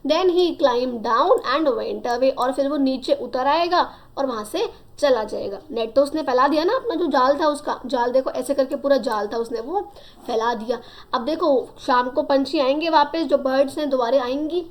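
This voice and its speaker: A young woman teacher reading English lines slowly and explaining each one in Hindi. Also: sits high. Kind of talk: explaining a story lesson.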